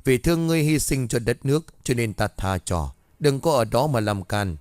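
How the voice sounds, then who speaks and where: A man's voice: medium pitch, expressive, normal speed, a little mellow, no room sound, natural voice. A man voicing an elderly woman exorcist who commands a ghost sternly. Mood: commanding.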